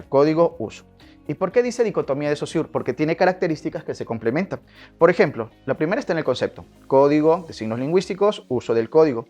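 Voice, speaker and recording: A man's voice: mid-range voice, a little mellow. A male language teacher, giving a classroom lecture in which he poses questions and answers them himself.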